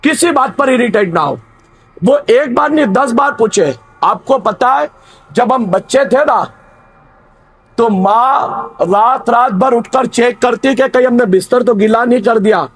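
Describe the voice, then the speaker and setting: Man preaching, slow and earnest, husky tone, dry close sound. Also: very high-pitched, a bit bright, no room sound. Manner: earnest, repeats key phrases. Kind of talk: religious talk on parenting.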